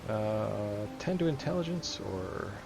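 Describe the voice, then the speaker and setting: A man's voice: on the low side, sing-song, unhurried, gravelly, music in the background. Easygoing man streaming a game. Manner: easygoing, laughs often. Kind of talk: casual gaming chat.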